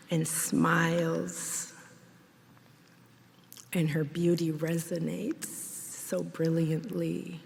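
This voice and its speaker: A woman from Jamaica giving a memorial eulogy in a church, speaking in a measured, reflective way. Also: lowish voice. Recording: long church reverb.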